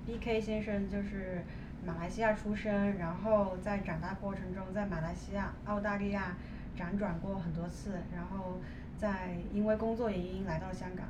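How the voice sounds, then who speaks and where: A woman's voice: medium pitch, steady tone, moderate pace, noisy background. A woman co-hosting a casual podcast, summarizing in short bilingual remarks. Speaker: co-host.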